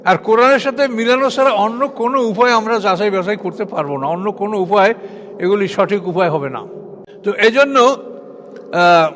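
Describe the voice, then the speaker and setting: A man giving a sermon that explains scripture, lecturing with frequent hesitant, drawn-out fillers. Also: high-pitched, a bit bright. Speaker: Islamic preacher.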